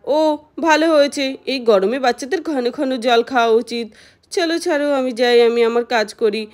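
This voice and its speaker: A woman's voice: high-pitched, normal speed, lightly acted. A woman voicing a busy, fussy village mother who chides and mutters to herself in a doll cartoon. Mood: chiding.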